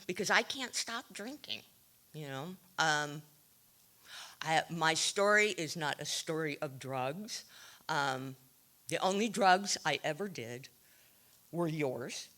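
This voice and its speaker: A woman telling her own recovery story to a meeting, wry and self-deprecating, with frequent pauses and ums. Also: low-pitched, bright, forceful tone. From California. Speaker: AA speaker sharing her story. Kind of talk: recovery share, candid storytelling.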